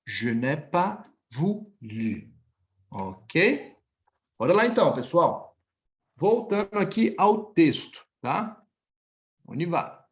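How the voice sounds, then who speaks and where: A man with a Brazilian accent teaching French, stretching out each model phrase slowly before explaining it quickly. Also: sits high. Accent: Brazilian Portuguese. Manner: slow, drawn-out model pronunciation between quick explanations. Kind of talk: online language lesson.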